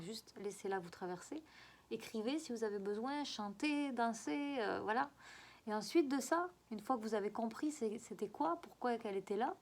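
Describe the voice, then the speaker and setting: A woman with a regional French accent giving a spiritual guidance reading. She coaxes her listeners and repeats herself, often pausing to search for words. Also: medium pitch, a little mellow. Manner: coaxing and repetitive, often halting to search for words.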